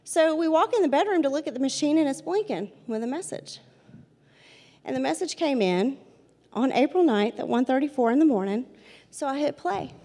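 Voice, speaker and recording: A woman's voice: high voice, lively intonation, normal speed, a little mellow. Chatty Southern woman in her forties. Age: 40s. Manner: chatty, addresses the audience directly and repeats points for emphasis. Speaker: paranormal investigator giving a talk. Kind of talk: storytelling talk to a live audience. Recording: long hall reverb.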